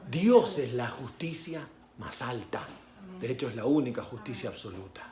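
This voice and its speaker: Lively-pitched pastor preaching. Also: male voice, moderate pace, reverberant. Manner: storytelling that swings from hushed to loud and exclaiming. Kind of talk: sermon with personal testimony.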